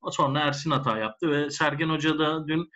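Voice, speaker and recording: A man's voice: a little high, fairly even intonation, fairly quick, a bit bright, highs cut off. A man in a casual sports discussion, explaining his points as a commentator and repeating phrases for emphasis. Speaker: football commentator.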